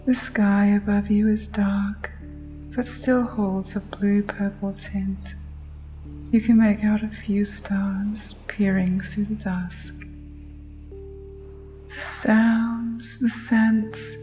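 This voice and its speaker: A woman narrating a scripted guided hypnosis in a soft, soothing, measured way. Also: mid-range voice, in a large hall, muffled recording. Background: music.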